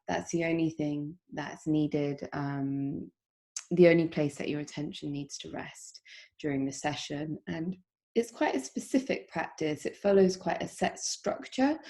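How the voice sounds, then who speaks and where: Woman, yoga teacher, low voice, gentle and unhurried, soft pauses, guided meditation intro, video call.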